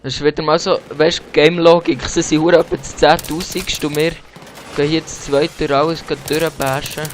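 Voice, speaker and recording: A man's voice: a little high, normal speed. A young man with a Swiss German accent, chatting casually and swearing while playing a co-op shooter with a friend. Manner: swearing, laughing, excitable. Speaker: gamer. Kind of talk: casual co-op gameplay chat. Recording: faint game noise behind.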